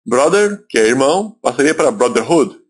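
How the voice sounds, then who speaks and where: A man's voice: mid-range voice, big pitch swings, normal speed, breathy edge. A man from Brazil teaching English in a recorded video lesson, explaining step by step and repeating words for emphasis.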